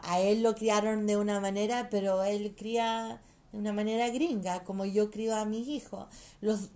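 A woman's voice: on the high side, darkish tone. A mother chatting casually and bluntly, swearing freely and switching between languages mid-sentence. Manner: blunt and profane. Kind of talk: casual chat.

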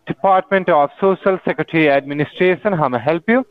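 A man's voice: a little high, quick pace. A man giving a scripted phone greeting as an agent posing as a government officer. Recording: tinny, narrow phone line.

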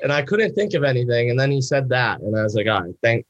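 College-age male guest, ordinary mid pitch, relaxed and a little sheepish in his telling. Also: quick pace, no room sound, dull audio. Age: young adult. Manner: casual, filler-heavy, self-deprecating, laughing. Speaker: guest, college baseball player. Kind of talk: casual storytelling in interview.

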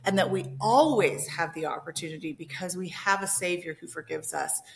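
A woman's voice: on the low side, a little fast, vocal fry, slight background noise. A woman hosting a podcast, affirming her guest and wrapping up with encouragement. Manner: warm affirming responses, encouraging wrap-up. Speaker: podcast host. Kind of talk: podcast interview.

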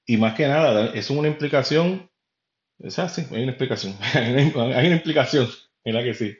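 This Puerto Rican man's voice is mid-range and fairly quick, with a Puerto Rican Spanish accent. As a podcast host he wanders through his opinions in a chatty monologue spoken straight to the listener. The sound is roomy, dull and lo-fi.

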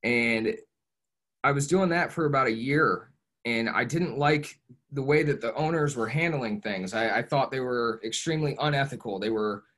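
A fairly bright, mid-range male voice at normal speed belongs to a young Ohio man telling his story as a podcast guest. The interview is casual, and he sounds earnest and reflective, often restarting and saying "you know."

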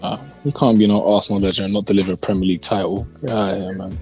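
A man's voice: on the low side, steady tone, fast talker, a little mellow, soft background music. A young man with a London roadman accent, debating football casually in a blunt, insistent way. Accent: London, urban British slang. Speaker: podcast co-host.

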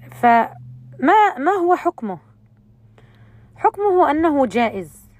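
Woman as recitation teacher, mid-pitched, dry untreated sound, explanatory and unhurried with frequent pauses. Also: darkish tone, no echo. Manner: explanatory, pausing often with fillers. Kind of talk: lesson on Quran recitation rules.

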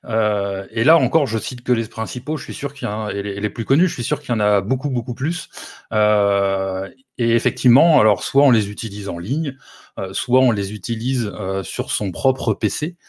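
A man's voice: lowish voice, moderate pace, darkish tone, no echo, studio quality. A man co-hosting a casual tech podcast, explaining at length with many fillers and restarts and an occasional chuckle. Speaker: co-host presenting the topic.

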